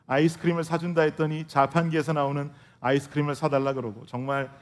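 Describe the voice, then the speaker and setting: Man, high voice, pastor, sermon, humorous storytelling, talks straight to the congregation. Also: level tone, fast. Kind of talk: sermon with a personal family story. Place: church sanctuary.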